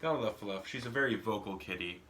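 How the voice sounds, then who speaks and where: A man's voice: fairly low pitch, quick pace, fairly bright tone, a little hiss or hum. An American man vlogging in a casual, rambling monologue, repeating words and adding "and whatnot" as he talks from a smoking room at home. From United States. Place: home smoking room with door open and fan on.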